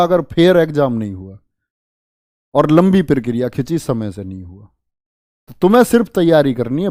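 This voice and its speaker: Slightly high and mellow, this man's voice comes through clean studio audio with no room sound. He's a Hindi exam-prep teacher in an online session, drilling spelling through repetition in a chatty, loving manner and making dramatic promises to students.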